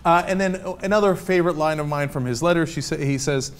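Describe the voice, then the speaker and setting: A man's voice: a little high, fast. A man hosting a casual news commentary show, talking bluntly and conversationally with frequent fillers. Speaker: host.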